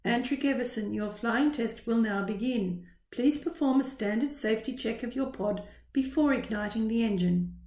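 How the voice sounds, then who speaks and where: A woman doing a flat automated announcer. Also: on the high side, moderate pace, reverberant, lightly acted. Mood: formal. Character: automated test-pod announcer voice, machine.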